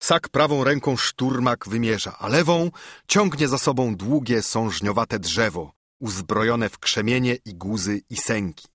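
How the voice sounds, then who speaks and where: Husky male narrator for an epic verse reading, dry and close. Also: mid-range voice, a bit bright, no echo. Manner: measured verse recitation. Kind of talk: reading an epic poem aloud.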